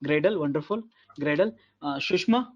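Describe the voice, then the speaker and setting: A man teaching an online class over a video call, halting and repetitive with many fillers, heard through low sample rate audio. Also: lively intonation, muffled recording. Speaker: instructor.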